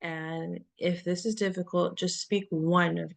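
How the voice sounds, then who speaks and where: Softly gravelly woman coaching gently. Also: fairly low pitch, fairly even intonation, measured pace. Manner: gentle, meandering, with soft laughs and many fillers. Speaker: spiritual coach. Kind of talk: reflective self-help talk.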